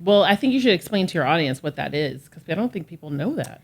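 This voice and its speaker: A woman in her forties, a life coach guest on a podcast, chiming in with quick reactions. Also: sits low, big pitch swings, a little hiss or hum. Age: 40s. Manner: reactive, quick exclamations and laughter. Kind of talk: casual chat.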